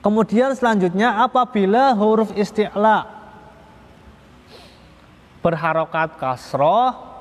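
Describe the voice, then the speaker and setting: Male religious teacher, patient and repetitive, slightly high voice, recorded in a reverberant hall. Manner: patient, repetitive, drawn-out chanted examples. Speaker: Quran recitation teacher. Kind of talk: slow religious lesson on tajwid. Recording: echoey long reverb hall.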